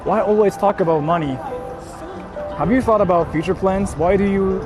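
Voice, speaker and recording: A young Japanese man with a Japanese accent live-streams outdoors on a busy city street at night, answering viewer comments in a high voice at normal speed. He's informal, repetitive and swears freely, while music, traffic, crowd and street noise fill the background.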